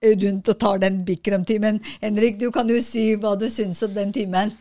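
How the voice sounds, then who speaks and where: A woman's voice: mid-range voice, no room sound. A woman in her fifties tells a long personal story as a podcast guest, laughing often and restarting sentences along the way. She is recorded on a close mic in a dry space with no room sound. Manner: lively, laughs while telling, many fillers and restarts. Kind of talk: casual storytelling conversation.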